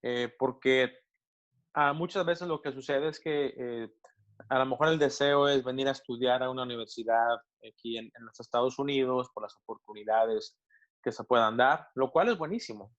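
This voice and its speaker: This is a middle-aged pastor from Mexico, speaking with a Mexican Spanish accent, giving interview answers on a video call whose audio is somewhat dull and lo-fi. Thoughtful and hesitant, he restarts his sentences frequently, his voice at a typical pitch.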